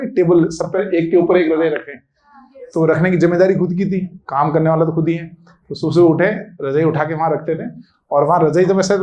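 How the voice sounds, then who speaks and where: A man's voice: on the high side, darkish tone. A man telling funny childhood stories in a casual, chatty way, laughing often and checking in with his listeners. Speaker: storyteller recalling childhood. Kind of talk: casual anecdotal storytelling.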